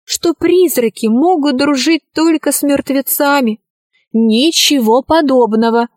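A woman reading the part of a friendly female ghost in a storybook, with a light, gently wry voice. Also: high voice, unhurried, dry recording, studio quality, pitched above the performer's own voice.

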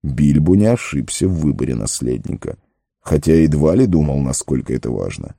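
A man narrates an audiobook in an expressive, storytelling way. His voice is low, gravelly and very dark, with a lively range. The recording is dry and close. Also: moderate pace, no room sound. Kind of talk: scripted narration.

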